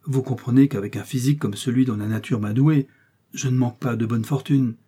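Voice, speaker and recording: A man's voice: mid-range voice, fairly even intonation, brisk, mellow, husky, natural voice. A man voicing a vain, boastful musketeer who speaks in a pompous, self-important manner, in a storybook reading. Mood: aggrieved.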